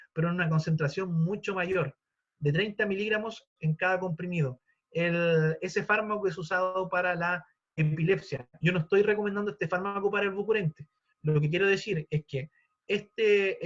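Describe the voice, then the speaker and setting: A man in his forties gives a live online lecture in a fairly high voice. He explains things patiently, with frequent hesitations and restarts. The audio is dull and lo-fi. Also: a bit bright. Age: 40s. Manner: explanatory, with many fillers and restarts. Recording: dull lo-fi sound.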